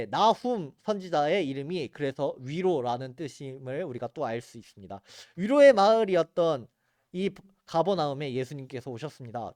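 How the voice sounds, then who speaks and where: A man's voice: on the high side, darkish tone, dry recording, clean studio sound. A man teaching a church Bible geography class in an earnest, explanatory way. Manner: earnest, explanatory, points at maps and photos.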